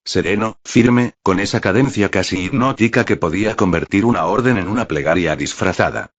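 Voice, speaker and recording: Male narrator, deep, steady dramatic storytelling, muffled lo-fi read. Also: brisk, husky. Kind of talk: first-person audiobook narration.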